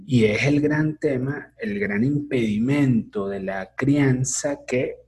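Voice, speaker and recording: A man, a teacher and therapist in training, explains emotions and parenting in a casual interview, often checking in with "ok?" and filling pauses with "eh". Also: mid-range voice, a little mellow, breathy edge. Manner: reflective, explains with many fillers and "¿ok?" checks.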